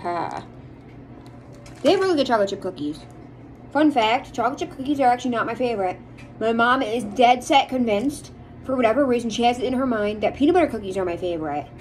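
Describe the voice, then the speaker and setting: Speaking quickly and expressively, this American woman rambles through a chatty vlog, stressing her likes and dislikes with opinionated emphasis. Her voice is a little high with a darkish tone, and the low-quality recording has slight background noise.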